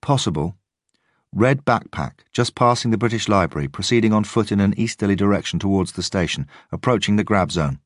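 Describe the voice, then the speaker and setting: A man's voice: lowish voice, animated, normal speed, no echo, clean studio sound, pitched above the performer's own voice. A man voicing a female police spotter who reports in clipped, urgent radio calls. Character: woman surveillance spotter, urgent and uncertain.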